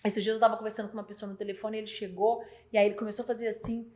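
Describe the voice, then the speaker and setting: A woman hosting a casual chat, loud and animated, acting out dialogue as she talks. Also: medium pitch. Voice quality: loud speaking voice. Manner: animated, acts out dialogue with quick voice changes. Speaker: host.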